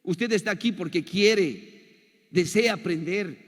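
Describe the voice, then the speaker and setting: An older man teaching a church seminar as a pastor, telling animated stories and asking his audience rhetorical questions. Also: high-pitched, slow pace, long reverb tail. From Bolivia. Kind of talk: seminar lecture to a congregation.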